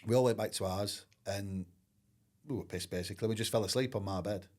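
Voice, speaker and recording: A man's voice: lowish voice, brisk, darkish tone. A middle-aged former footballer, telling his story in a candid, rambling way. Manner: candid, rambling, frequent "I says" and "like". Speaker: guest, former professional footballer. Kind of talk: casual storytelling interview.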